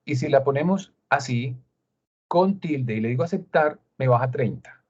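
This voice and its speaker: This Colombian-accented instructor shares his screen and guides viewers through each step, asking rhetorical questions along the way. His mid-range voice is a bit mellow with lively intonation and a moderate pace; the video call audio is dull and lo-fi.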